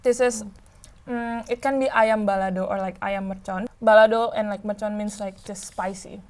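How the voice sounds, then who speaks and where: A woman's voice: mid-range voice, fairly even intonation, moderate pace, a little mellow. A woman from Indonesia chatting animatedly as a diner, laughing easily. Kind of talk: casual chat over a meal.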